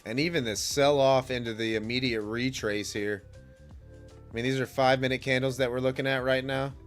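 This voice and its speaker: A futures day trader runs a live trading stream, offering relaxed, rambling market commentary over faint background music. He talks briskly in a steady, mid-range voice, sounding slightly congested and coughing from a cold.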